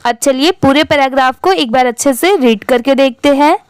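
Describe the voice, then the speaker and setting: A woman teaching English reading, spelling words letter by letter and blending them slowly while prompting students with questions. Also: high-pitched, no room sound. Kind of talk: step-by-step phonics lesson.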